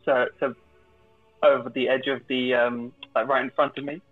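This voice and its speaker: A man's voice: mid-range voice, little pitch movement, moderate pace, faint music behind. A man chatting casually as a player in a tabletop game, thinking aloud with some hesitation. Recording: thin, phone-like voice call sound.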